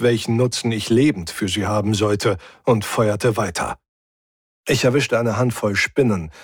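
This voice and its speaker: A man narrating a first-person sci-fi audiobook in a steady, gritty storytelling manner. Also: on the low side, husky, no room sound, clean studio sound.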